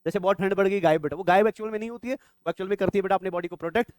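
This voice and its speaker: Fast, high-voiced teacher. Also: male voice, dry recording. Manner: quizzing students with rapid questions, calling them "beta". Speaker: biology teacher. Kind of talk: exam-prep classroom lecture.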